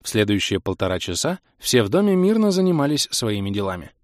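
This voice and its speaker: A man narrating an audiobook in an even, measured manner. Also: on the low side, no echo, studio quality. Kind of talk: scripted narration.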